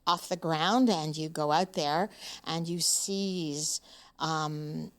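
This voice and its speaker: A woman's voice: sits low, slow pace. A woman in her seventies, a podcast interview guest, speaking frankly and emphatically with frequent "um" fillers. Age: 70s.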